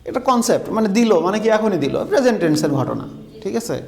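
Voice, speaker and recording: High-voiced teacher quizzing his class. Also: sing-song, fairly quick, gravelly, darkish tone. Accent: Bangladeshi Bengali. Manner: quizzes the class, then repeats their answers. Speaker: English teacher. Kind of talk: classroom grammar lesson. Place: school classroom.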